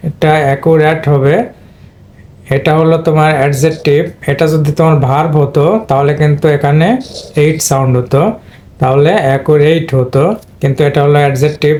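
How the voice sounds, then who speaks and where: A man gives an informal spelling and pronunciation lesson, stepping through each rule and saying the example words again and again. His voice sits somewhat high yet stays flat, with little rise or fall. The tone is mellow and soft-edged, and he clears his throat now and then as he explains. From Bangladesh. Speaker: English pronunciation teacher.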